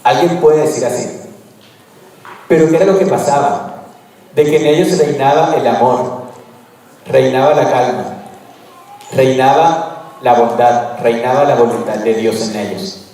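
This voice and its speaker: A man's voice: medium pitch, unhurried, pauses often, mellow. A man giving a spiritual retreat talk, telling his stories in a candid, conversational way. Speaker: retreat speaker. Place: large retreat hall. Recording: echoey hall, voice far from mic.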